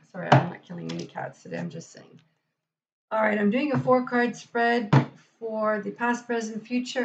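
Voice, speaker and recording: A woman's voice: fairly high pitch, noisy background. A woman hosting a live tarot reading, chatting with enthusiasm and speaking straight to her viewers. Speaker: tarot reader and livestream host. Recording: dull lo-fi sound.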